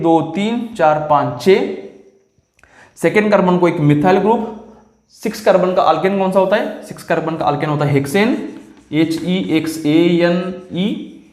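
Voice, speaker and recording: In a classroom chemistry lecture, a man explains things step by step and keeps checking with students, asking "clear?" His voice sits high with a darkish tone, and the room is echoey.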